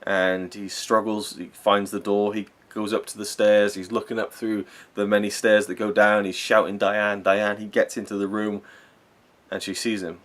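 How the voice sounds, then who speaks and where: A man's voice: lowish voice, level tone, normal speed. A young man giving a casual, rambling, earnest film review, swearing now and then and getting openly emotional.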